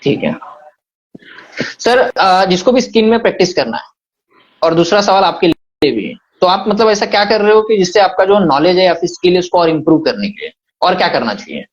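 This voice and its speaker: A man's voice: high voice, expressive, a little fast. A man hosting an interview who asks questions politely, calls the guest sir and agrees readily. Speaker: host. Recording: muffled lo-fi sound.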